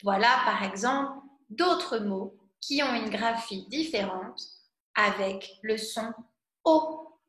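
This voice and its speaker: A woman teaching French pronunciation, repeating each word slowly with carefully exaggerated articulation. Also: on the high side, animated, a bit bright, reverberant, rough recording.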